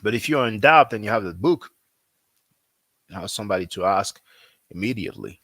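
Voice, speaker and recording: A language teacher whose first language isn't English gives a casual promotional talk, repeating himself conversationally and using frequent fillers. His lowish voice is animated, brisk and fairly bright, and the recording is dry with no room sound.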